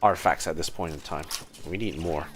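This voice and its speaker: A deep-voiced man talks a little fast while streaming a video game, casually commenting and often muttering to himself. Game music plays in the background, and there's slight background noise.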